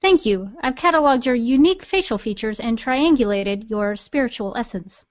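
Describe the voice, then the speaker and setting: A woman's voice: fairly high pitch, expressive, moderate pace, muffled recording, lightly acted. A woman voicing a snarky female smartphone assistant with a nasal voice and plenty of attitude, in an audio drama. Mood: sassy.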